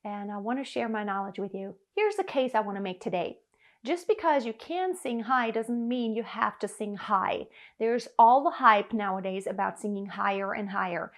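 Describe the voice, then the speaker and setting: In a living room before an upright piano, a German woman in her thirties works as a vocal coach, giving an earnest, encouraging singing lesson to camera. Her mid-range voice is animated and moves at a moderate pace.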